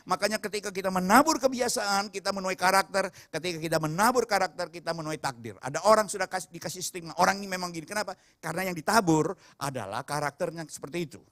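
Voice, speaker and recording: A middle-aged Indonesian male pastor preaching a sermon, telling personal stories and calling out to the congregation, jumping from loud outbursts to quiet asides. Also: high voice, fast talker, no room sound, studio quality. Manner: storytelling, often addresses the congregation as "saudara".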